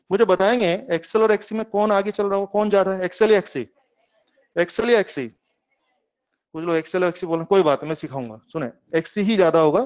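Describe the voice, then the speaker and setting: A middle-aged man teaching physics, lively and questioning, drawing in his students with homely examples. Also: sits high, muffled recording. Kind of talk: classroom lecture.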